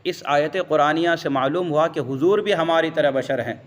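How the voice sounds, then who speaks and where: A man with a fairly high voice teaches a religious lesson. He explains patiently, quotes Arabic verses and answers his own questions. His voice rings with the long reverb of a hall.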